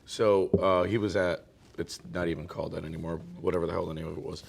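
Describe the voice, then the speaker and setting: A man co-hosting a podcast, an animated storyteller in casual chat who laughs often. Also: sits low, fast, vocal fry. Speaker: podcast co-host.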